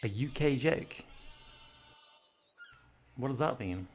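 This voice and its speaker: A man's voice: medium pitch, expressive, takes it slowly, faint music behind. A man streaming a driving game, chatting casually and trading jokes with a friend. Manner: joking, playful banter. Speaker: gaming streamer. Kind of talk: casual chat while gaming. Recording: loud car and game noise behind.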